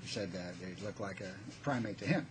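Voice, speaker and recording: A man's voice: sits low, brisk. Casual male presenter with noticeable background noise. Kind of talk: casual unscripted explanatory talk.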